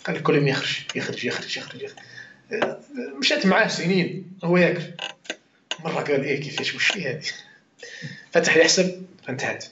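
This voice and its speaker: Speaking fast in a slightly high, creaky voice, this man with an Algerian Arabic accent leads a casual Quran commentary session, swearing oaths, chatting with his audience and making sure they're keeping up. Background noise runs under the roomy, dull, lo-fi recording.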